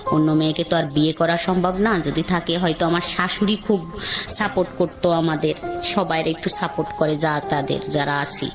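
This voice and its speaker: Music plays behind a woman with a Bangladeshi accent as she shares her life story in a loose, conversational, colloquial style. Her low voice holds a steady tone at a normal pace.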